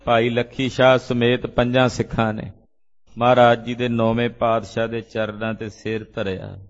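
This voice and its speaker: A man's voice: medium pitch, flat delivery, normal speed. A male preacher tells a sacred story in a lilting, half-chanted way, explaining scripture line by line. His voice carries a long reverberant tail, as if in a big hall, and the sound is dull and lo-fi. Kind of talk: Sikh scripture exposition.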